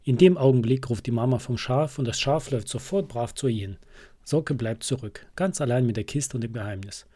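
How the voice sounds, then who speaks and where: A man reading a children's storybook aloud as narrator, calm and storytelling, close to the mic. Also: medium pitch, a little fast, husky.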